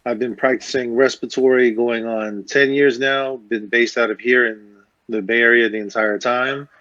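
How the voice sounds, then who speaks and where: A man's voice: medium pitch, fairly even intonation, moderate pace, pushed and bright, highs cut off. A man born in the Philippines, a respiratory therapist, answering interview questions plainly over a video call.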